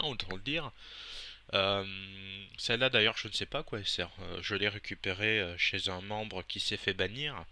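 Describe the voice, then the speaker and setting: A man's voice: fairly low pitch, sharp tone. A young man casually narrating his gameplay to viewers, hesitant, with many fillers and self-corrections. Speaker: Minecraft server player and video host.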